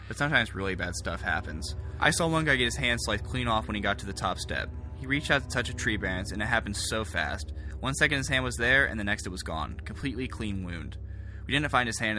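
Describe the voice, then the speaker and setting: Fast-talking man narrating horror, low voice. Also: sharp tone. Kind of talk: scripted first-person horror story narration. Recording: background music under the voice. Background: music.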